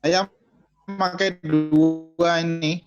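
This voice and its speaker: A man's voice: fairly high pitch, flat delivery, very slow, faint music behind. A man speaking at an online talk, his phrases heard again as a delayed echo over the call. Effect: delayed echo repeating his own phrases over the call. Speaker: invited speaker addressed as ustaz. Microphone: computer or phone over a video call. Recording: dull lo-fi online call audio.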